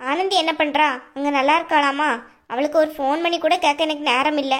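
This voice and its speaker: Woman doing a young cartoon daughter, southern Tamil Nadu accent, earnest, very high voice, quick. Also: fairly even intonation, a bit bright. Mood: friendly. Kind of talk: cartoon voice acting.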